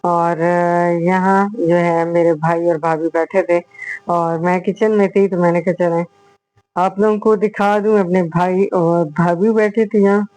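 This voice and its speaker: A middle-aged woman talking over her family vlog in a chatty, unhurried way, pausing on long drawn-out fillers. Her tone stays level with little rise and fall. The sound is dry and close, with no room around it. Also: fairly low pitch, steady tone, a little mellow, no echo, low-quality recording. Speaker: vlogger, host. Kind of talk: home vlog voice-over narration. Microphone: voice-over on a small clip-on mic.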